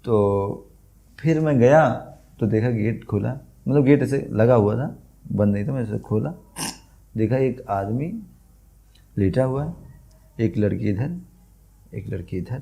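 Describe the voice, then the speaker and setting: A man's voice: mid-range voice, measured pace, creaky, long pauses. A man guesting on a podcast, telling a funny story in casual chat and acting out the lines he quotes. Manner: animated anecdote, acts out quoted lines, laughs a lot.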